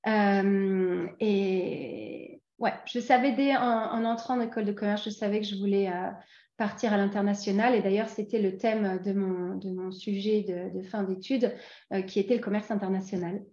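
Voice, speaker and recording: A woman's voice: mid-range voice, fairly even intonation, normal speed, dark tone. A woman in her forties from France, a guest in a casual interview, talking hesitantly with many fillers and restarts. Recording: roomy, dull lo-fi sound.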